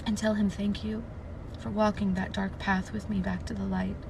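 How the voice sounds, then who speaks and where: A woman reading out a young woman's tender parting message from a book, in a soft and wistful tone. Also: mid-range voice, little pitch movement, normal speed, vocal fry, noisy background, close to an everyday voice.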